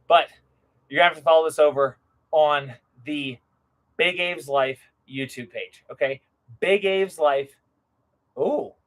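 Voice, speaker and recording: A man hosting a casual livestream like a showman, hyping things up and repeating phrases for emphasis, in a noisy recording. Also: a little high. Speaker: livestream host. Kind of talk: hyped casual livestream patter. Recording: clearly noisy live stream recording.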